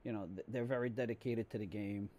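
A man co-hosting a casual gaming podcast who talks in a halting way, with many restarts and filler words. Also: on the low side, fairly even intonation, warm tone, a little hiss or hum. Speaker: podcast co-host.

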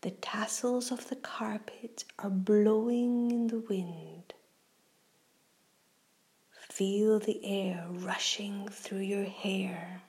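The speaker is a woman reading a gentle guided meditation for a children's relaxation show. Her mid-range voice comes as a soft, breathy half-whisper, with slow and calming phrasing.

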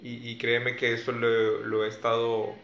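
A man's voice: medium pitch, monotone, normal speed, fairly bright tone, lo-fi sound, a little hiss or hum. Mexican man, earnest casual talker, echoey room with faint background ambience. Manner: earnest, reflective, sharing a personal motto. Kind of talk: casual chat.

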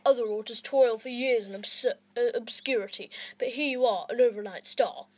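A woman's voice: a little high, moderate pace, darkish tone, slight background noise, close to an everyday voice. Woman doing a pushy young journalist. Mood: probing. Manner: probing, mocking.

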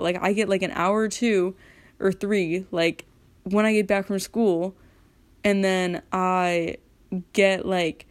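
A teenage girl venting in a casual monologue, rambling with lots of "like" and swearing freely. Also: fairly low pitch. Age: teens. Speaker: high school student.

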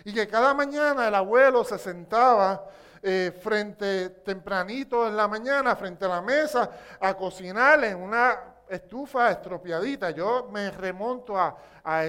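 A Puerto Rican man preaching from the pulpit, his voice pitched high for a man. He tells a story in a lively sermon and stops often to ask the congregation for a response. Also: clean tone. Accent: Puerto Rican Spanish.

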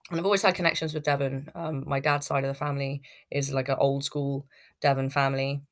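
A woman's voice: extremely low pitch, little pitch movement, fast talker. A British woman in her thirties hosting a podcast, telling her own story in a casual, unscripted, rambling way. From United Kingdom. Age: 30s. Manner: rambling, chatty, self-interrupting. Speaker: podcast host.

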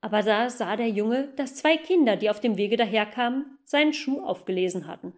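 A woman reading a children's novel aloud in a calm, even manner. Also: mid-range voice, fairly quick. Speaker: reader. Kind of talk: storybook reading.

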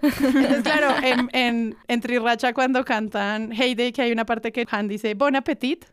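A woman, co-hosting a podcast and gushing excitedly in casual chat. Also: on the high side, unhurried, smooth, no echo, clean studio sound. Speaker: podcast co-host.

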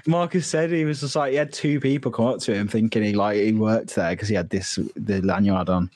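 A man co-hosting a podcast, telling stories in a casual, animated way and laughing often. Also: lowish voice, brisk, dry recording. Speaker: podcast co-host. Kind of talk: casual chat.

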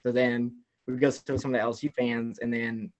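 A man's voice: mid-range voice, fairly quick. Rambling man telling a story. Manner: rambling, many "like" fillers, animated retelling. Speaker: podcast guest. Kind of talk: casual storytelling chat.

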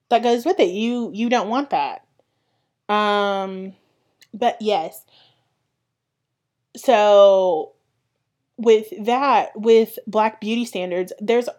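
A woman's voice: medium pitch, darkish tone. A young woman hosting her own podcast, talking through casual solo commentary with emphatic, sassy asides. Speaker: podcast host.

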